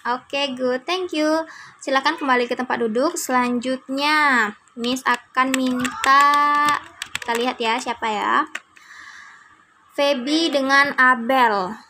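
A woman's voice: high voice, steady tone, slow pace, long pauses, noisy background. A young woman with an Indonesian accent teaching a class, encouraging her students and patiently correcting their pronunciation. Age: young adult.

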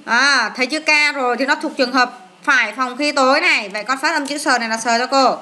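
A woman's voice: high-pitched, quick pace, pushed and bright. A woman teacher, going through an English test with a child, asking questions and answering them herself.

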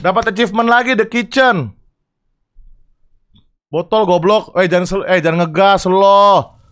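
A young man, chatting excitedly as he streams a game and talks to his viewers. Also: sits high, unhurried. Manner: excitable, chatty, addresses chat as guys. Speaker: gaming streamer. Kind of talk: live game commentary.

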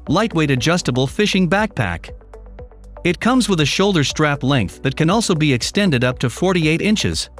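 A man narrating a scripted product review voice-over, reading lists of features in an even, advertising tone. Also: on the high side. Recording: faint background music under the voice.

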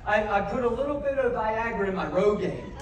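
A man's voice: sits high, animated, brisk, heavy background noise. A man performing live comedy patter as a stage juggler, joking with and coaching audience volunteers in a large theater. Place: large theater on a cruise ship. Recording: echoey theater from far off, audience.

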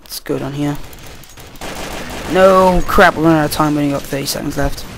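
A man's voice: fairly high pitch, little pitch movement, racing, vocal fry, a bit bright, a little hiss or hum. Tired young man rambling over gameplay. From Wales. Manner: rambling, easily distracted, swears at the game. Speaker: gameplay commentator. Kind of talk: casual gameplay commentary.

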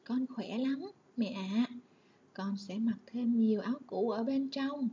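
Casting: earnest storybook boy whispering quietly but decidedly, as a woman teacher puts him on, lo-fi recording. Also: fairly high pitch, a little slow, slight background noise, close to an everyday voice. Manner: whispering softly but firmly. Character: kind young boy, a gentle older brother. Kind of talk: reading a story aloud for pupils.

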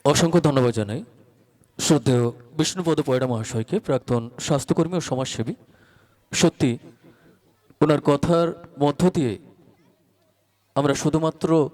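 A man's voice: fairly high pitch, normal speed, pauses often, a little mellow. A man emceeing a school function in a formal, poetic manner, quoting verse and calling performers to the stage.

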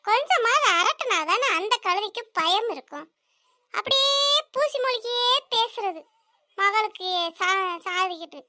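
A woman voicing a loud, nagging cartoon mother. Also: extremely high pitch, animated, measured pace, no room sound, full character voice. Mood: furious. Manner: shouting, scolding, sarcastic. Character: angry nagging village mother, loud and quick-tempered. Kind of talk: cartoon voice acting.

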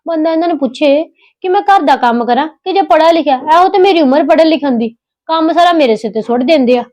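A woman's voice: high-pitched, lively intonation, fast talker, a little mellow. A young woman, playing a spoiled, sulky younger sister-in-law who complains a lot. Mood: complaining. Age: early 20s. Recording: dull lo-fi sound.

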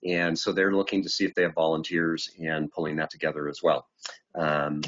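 A middle-aged man giving the city manager's report over a video call, halting with many ums, still recovering from being sick. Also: rumbling low, level tone, fairly bright tone. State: getting over an illness. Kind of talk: giving a report at a council meeting. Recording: muffled video call audio.

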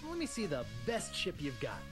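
An earnest young would-be pirate in a video game. The voice is lightly high and lively, quick in delivery, with a naive eagerness and faint music behind. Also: male voice. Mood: hopeful.

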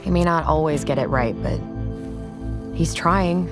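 A calm, low-voiced animated woman, gently reassuring a teenager. Her tone is soft and steady. A clear musical score plays beneath the dialogue. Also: unhurried. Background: music score under dialogue.

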